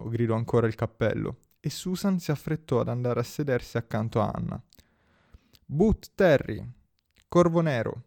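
A man reading a novel aloud as narrator, steady and measured. His voice is gravelly with a dark, mellow warmth. The recording is close and dry. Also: mid-range voice, no echo. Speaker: audiobook narrator. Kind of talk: scripted story narration.

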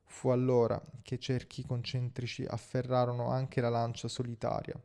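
Gravelly low man narrating. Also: monotone, normal speed, mellow. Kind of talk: scripted audiobook narration.

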